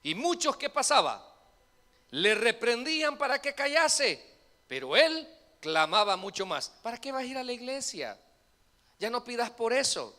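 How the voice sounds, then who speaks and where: Male pastor, sermon, lively swooping delivery, long echo of a church hall. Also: very high-pitched, a little slow. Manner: animated, asks the congregation questions. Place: church sanctuary.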